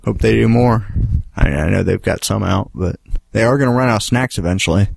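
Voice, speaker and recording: A man's voice: lowish voice, brisk, vocal fry, no room sound. A man co-hosting a podcast in casual chat, laid-back and rambling, with self-deprecating jokes and casual swearing. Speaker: podcast co-host.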